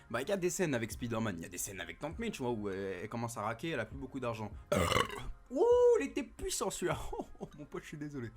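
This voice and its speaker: A young man giving a casual, comedic film review, full of street slang, swearing and rambling hesitations, recorded at home into a desk mic. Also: medium pitch. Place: at home, recording with streaming software. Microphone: desk microphone.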